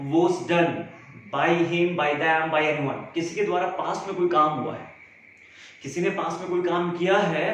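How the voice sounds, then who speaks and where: High-voiced male teacher in echoey room. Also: fairly bright tone. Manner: explains by repeating and asking questions. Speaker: English teacher. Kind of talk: classroom grammar lesson. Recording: very echoey room, faint background noise.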